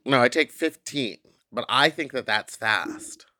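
A man's voice: medium pitch, unhurried, pushed and bright, no echo, studio quality. A man podcast host chatting casually and comedically in a sassy, campy drag-queen manner, full of slang.

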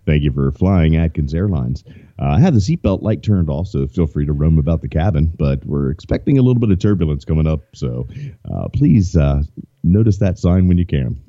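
Casting: man doing a very low-voiced airline captain on the cabin PA, calm, steady, slightly muffled. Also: a little fast, no echo. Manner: calm, even announcer delivery with fillers. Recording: slightly dull, dry sound.

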